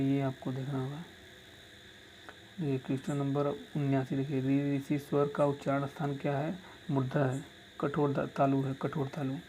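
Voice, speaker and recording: A man's voice: fairly high pitch, darkish tone, slight background noise, low-quality recording. A male teacher dictating exam answers and repeating lines so students can write them down. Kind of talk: exam-prep lesson.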